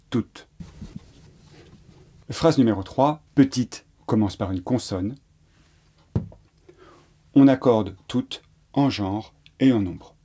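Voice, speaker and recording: A French teacher from France gives a slow, explanatory lesson at an unhurried, deliberate pace. His lowish voice is mellow and slightly husky, and he patiently repeats each example and spells words out letter by letter.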